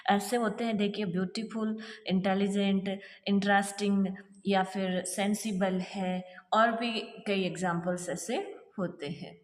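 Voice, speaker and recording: A woman teaching English grammar, explaining step by step and asking rhetorical questions, then reading example sentences out slowly. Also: medium pitch, steady tone, long reverb tail. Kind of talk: classroom grammar lesson explained in Hindi.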